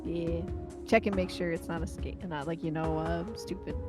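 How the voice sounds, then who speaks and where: A woman's voice: fairly low pitch, fairly even intonation, normal speed, over music. Blunt American woman chatting casually. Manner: blunt, swears freely, explains at length. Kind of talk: casual chat.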